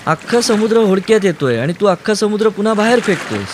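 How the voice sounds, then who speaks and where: A fearful, teasing young woman pleads and calls out from a small boat at sea, as a male reader puts her on. Her voice sits well above the reader's own. Loud waves wash behind her. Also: high-pitched, very animated, fast, slight background noise, pitched above the performer's own voice, poor audio. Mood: anxious. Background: ocean waves sound effects.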